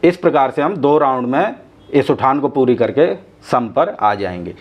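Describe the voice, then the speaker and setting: A man teaching tabla, calmly explaining the beats and slowly reciting the syllables one by one. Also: mid-range voice. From India. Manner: patient, explanatory, slow deliberate recitation of bols. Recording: slightly dull lo-fi recording.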